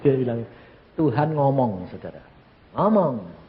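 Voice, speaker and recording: A man's voice: medium pitch, sing-song, measured pace, big-room sound, lo-fi sound. A man in his eighties with a Javanese accent, preaching a testimony-style sermon and telling stories animatedly, with sound effects. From Central Java, Indonesia. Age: 80s. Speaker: evangelist preacher.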